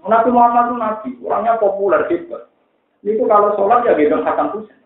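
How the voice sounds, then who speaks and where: A man with a Central Javanese accent preaching a religious lecture, telling stories in a lively way that mixes jokes and pleading. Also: high-pitched, fast. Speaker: Islamic preacher. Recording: echoey, tinny lo-fi recording.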